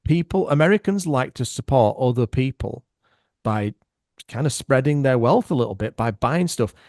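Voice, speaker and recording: A middle-aged man chatting casually as a podcast guest, telling lively stories and acting out what other people said. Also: mid-range voice, moderate pace, no echo, clean studio sound. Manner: animated, acts out other people's voices. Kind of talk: casual storytelling chat.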